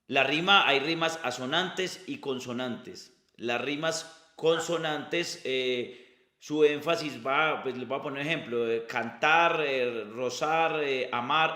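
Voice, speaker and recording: Bright-voiced male host in a roomy space. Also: medium pitch. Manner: curious, asks short questions, stammers a little. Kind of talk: interview over a video call.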